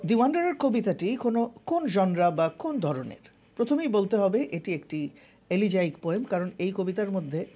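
A lecture host with a soft, warm tone and a breathy edge explains a poem methodically, defining each term as it comes up. The delivery stays measured and instructional throughout. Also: medium pitch. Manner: methodical, defines terms, mixes in English words. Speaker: channel host and literature teacher.

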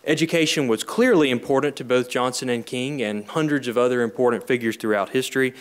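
A man moderating a panel discussion from a podium, measured and formal in a conference room. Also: mid-range voice. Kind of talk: moderating a panel, reading quotes. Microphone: podium microphone.

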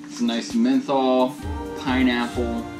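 A man's voice: mid-range voice, little pitch movement, slow pace. A man in his thirties talking casually as co-host of a product review show, among friends. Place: small indoor lounge, on a couch. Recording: roomy echo, loud music behind.

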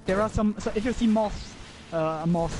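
A man's voice: high voice, moderate pace, a little mellow, faint music behind. A man leading a game raid, explaining lore and tactics with plenty of ums and restarts over voice chat. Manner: explains with many fillers and restarts.

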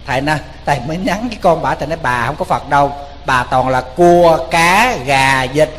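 A man with a Southern Vietnamese accent giving a lively, joking sermon as a Buddhist monk, telling stories and speaking straight to his listeners. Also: a little high, fairly quick. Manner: lively, joking, addresses the audience directly. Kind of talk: storytelling sermon. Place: temple hall. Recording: long hall reverb with faint noise.

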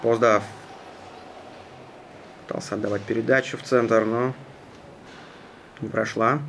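A man giving live hockey play-by-play in a measured, conversational manner. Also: on the low side, steady tone, a bit bright. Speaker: hockey commentator. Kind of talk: live sports play-by-play commentary. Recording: noisy ice rink ambience. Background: arena noise.

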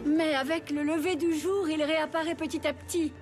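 Woman as a haughty, high-voiced archangel. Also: fairly even intonation, a little fast, a little mellow, soft background music, lightly acted. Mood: stern, questioning. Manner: formal, disdainful, stern. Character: haughty winged archangel in a princess's body. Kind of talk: French anime dub.

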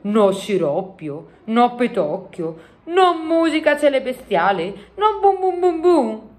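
A big, clumsy, good-hearted giant, as a woman puts him on for a storybook reading, booming out mangled, made-up words. The voice jumps high and low in excited bursts. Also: slow. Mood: cheerful.

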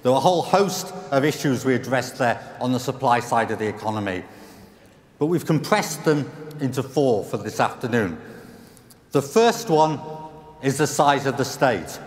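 A man's voice: mid-range voice, lively intonation, moderate pace. A middle-aged man from the UK giving an emphatic conference keynote as an economist, using rhetorical questions and repeated punchlines, on a large stage with a headset mic. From United Kingdom. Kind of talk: conference speech. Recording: roomy hall reverb.

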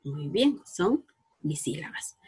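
Her low, darkish, slightly rough voice is very animated as this woman with a Peruvian Spanish accent teaches young schoolchildren in a recorded lesson. She is slow, patient and coaxing, asking questions and praising the answers she gets.

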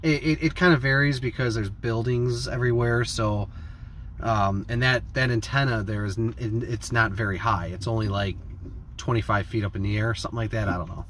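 Sitting in a parked van, a Midwestern American vlogger rambles casually to a phone or camera held at arm's length. His voice is lowish and fairly even, brisk and a little bright, with clear background noise and vehicle ambience.

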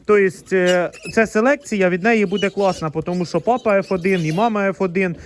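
A man's voice: sits high, a little fast, slight background noise. A man, a pig farmer, chatting casually as he shows his pen, fond with the piglets and scolding them. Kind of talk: casual vlog narration.

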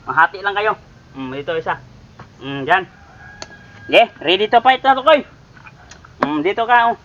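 A man's voice: high-pitched, sing-song, moderate pace, fairly bright tone, lo-fi sound, a little hiss or hum. A man from the Philippines chatting casually to viewers in a cooking vlog, calling them idols again and again. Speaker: cooking vlogger.

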